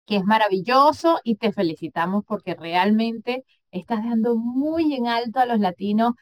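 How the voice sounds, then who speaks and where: A woman's voice: on the high side, moderate pace, no echo. A woman interviewing a guest, asking questions in an upbeat, complimentary way.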